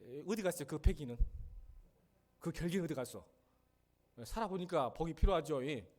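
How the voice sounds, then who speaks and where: Animated male pastor preaching a sermon. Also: a little high, normal speed. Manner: animated, emphatic, acts out quotes. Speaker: senior pastor. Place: church sanctuary.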